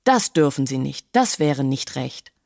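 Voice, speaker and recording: A gentle, curious country doctor, read by a woman, speaking mildly and thoughtfully in a low voice. The storybook narration sounds close and dry, with no room around it. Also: sing-song, a little slow, creaky, dry recording, full character voice. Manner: mild, thoughtful, eager to learn. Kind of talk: audiobook reading.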